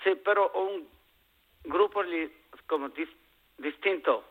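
Man acting as shy Romanian footballer, foreign accent, slow halting broken Spanish, stammering, lo-fi phone interview. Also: sits high. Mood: eager. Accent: foreign, put-on Romanian. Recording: muffled lo-fi radio phone line.

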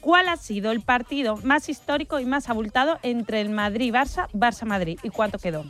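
A woman hosting a chat show who asks questions in a playful, quick way. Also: on the high side, expressive, a bit bright, soft background music. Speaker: host. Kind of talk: casual chat.

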